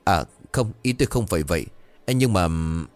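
A man's voice: sits low, expressive, moderate pace. A man voicing an anxious businessman. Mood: urgent. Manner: agitated, pleading questions. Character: anxious wealthy middle-aged businessman.

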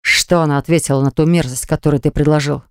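Narrator putting on a low hissing hot-tempered man, smooth tone, dry close sound, audiobook. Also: fairly even intonation, fast, no echo, close to an everyday voice. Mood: snarling.

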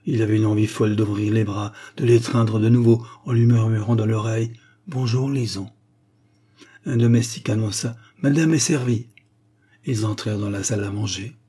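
A man narrating a classic literary story in a measured, expressive storytelling manner. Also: fairly low pitch, slightly rough.

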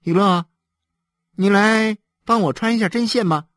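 A man's voice: high voice, a little slow, a bit bright, no echo, pitched above the performer's own voice. A man voicing a chatty thirty-year-old mother who gossips and scolds, raising his voice well above his own. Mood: exasperated. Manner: gossipy, then exasperated.

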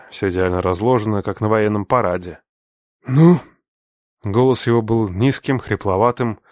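A man narrating a first-person story in a tense, measured audiobook style. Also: lowish voice, a little mellow, dry recording, clean studio sound.

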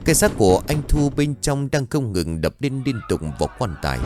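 A man narrating a horror story in a dramatic, suspenseful way. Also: fairly low pitch.

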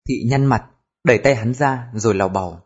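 A man narrating an audiobook in a steady storytelling voice. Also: medium pitch, fairly quick, slightly rough. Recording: dull lo-fi recording with music.

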